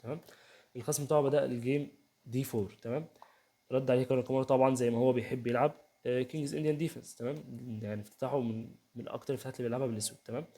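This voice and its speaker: Rapid-talking Egyptian man explaining chess. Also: medium pitch, fairly even intonation, warm tone. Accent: Egyptian Arabic. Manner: rapid, chatty, keeps asking "تمام؟", voices players' banter. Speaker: chess youtuber. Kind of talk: casual chess game analysis. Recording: home setup, first video.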